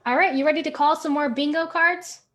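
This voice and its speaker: A woman's voice: high-pitched, steady tone, fairly quick, fairly bright tone. A woman hosting a family-friendly online bingo event, chatty and encouraging, drawing out the words she announces. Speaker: event host running bingo.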